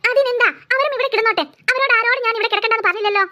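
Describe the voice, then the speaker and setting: A woman's voice: extremely high pitch, racing, sharp tone. A woman voicing a sulky, sly young girl in a cartoon who pretends to be ill and whines at her mother. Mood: whiny. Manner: whiny, sulky.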